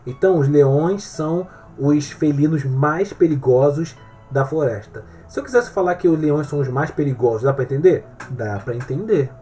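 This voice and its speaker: Mellow-voiced man teaching grammar step by step. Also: on the high side, moderate pace, soft background music. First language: Portuguese. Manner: explains step by step with frequent check-ins. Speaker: English teacher. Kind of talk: online grammar lesson.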